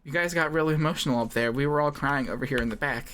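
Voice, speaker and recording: A man's voice: fairly high pitch, quick pace, fairly bright tone, a little hiss or hum, close to an everyday voice. A man voicing a refined young woman heiress in a tabletop game. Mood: polite.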